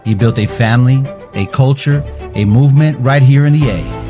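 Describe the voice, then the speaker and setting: A man's voice: medium pitch, moderate pace. A male podcast host in a mid-range voice gives an upbeat, hyped-up intro, then leads into his interview. Faint music runs under his voice. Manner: upbeat hype delivery.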